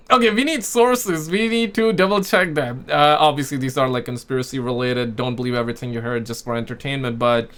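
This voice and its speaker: A man's voice: mid-range voice, a bit bright. A man hosting a reaction video, chatting casually in a rambling, slangy, informal way. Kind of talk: casual chat.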